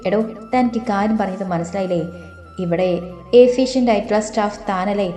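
A woman voicing Giri, a pushy male office colleague who passes on orders in a brisk, insistent way, in a read-aloud story. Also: mid-range voice, dark tone, reverberant, faint music behind, close to an everyday voice.

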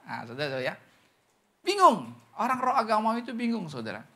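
A man's voice: rapid-fire, vocal fry. A man preaching a sermon as pastor, talking straight to the congregation and acting out questions in other voices. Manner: animated preaching, often calls the congregation "saudara"; acts out questioners' voices in higher pitch.

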